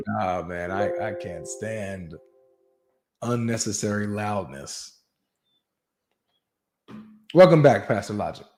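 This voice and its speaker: A man's voice: fairly low pitch, animated, slow pace, long pauses, darkish tone, faint music behind. Man hosting a playful live debate. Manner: playful, teasing, announcer-like hype. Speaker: livestream debate host. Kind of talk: casual live debate chat.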